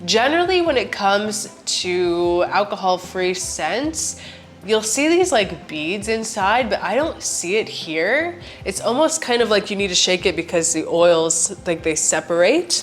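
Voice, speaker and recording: A woman's voice: mid-range voice, big pitch swings, a little slow, soft background music. A woman with a congested, sick-sounding voice giving a chatty perfume review on her channel, often saying "like". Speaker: fragrance reviewer. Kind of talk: casual product review.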